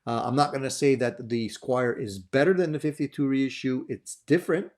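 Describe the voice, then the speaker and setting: A man's voice: medium pitch, normal speed, a little mellow. Easygoing man chatting casually to camera. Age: adult over thirty. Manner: easygoing, frequent fillers and restarts. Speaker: guitar gear channel host. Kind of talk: casual talk to camera answering viewer questions.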